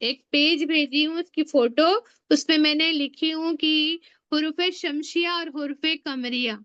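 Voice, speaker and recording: A woman teaching an online Arabic grammar class, slowly spelling out letters and often asking the class questions. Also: high-pitched, a bit bright, no echo, dull audio. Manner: slow and spelling out letters one by one. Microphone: online video call.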